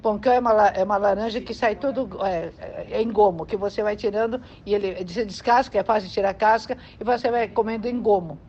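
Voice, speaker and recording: A woman's voice: mid-range voice, quick pace, few pauses, darkish tone. Brazilian woman preaching a conversational sermon. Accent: Brazilian Portuguese. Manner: conversational, asks listeners for agreement. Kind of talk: sermon teaching. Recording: dull lo-fi sound with faint background noise.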